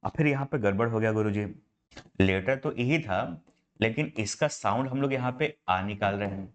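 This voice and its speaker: A man's voice: lowish voice, normal speed. A man teaching English grammar in Hindi, explaining step by step and calling his students "my brother". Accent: Indian English. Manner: asks students rhetorical questions. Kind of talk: online class lecture in Hindi.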